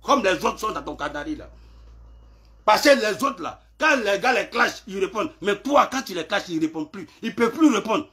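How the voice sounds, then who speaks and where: A man, ranting in a live social media clash video, taunting and repeating himself, shouting at times and dropping to low mutters. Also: animated, fairly quick. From Ivory Coast.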